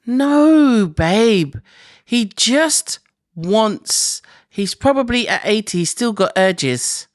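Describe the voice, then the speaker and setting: A woman's voice: on the high side, animated, extremely slow, dry recording. A woman co-hosting a casual couple podcast, teasing her husband as they talk. Her voice rises and falls freely, and the sound is dry and close. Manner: teasing, playful. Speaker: podcast co-host.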